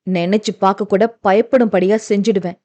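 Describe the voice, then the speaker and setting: A woman voicing a protective young husband who reassures his wife in a firm, steady voice. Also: medium pitch, brisk, no room sound, pitched below the performer's own voice, natural voice.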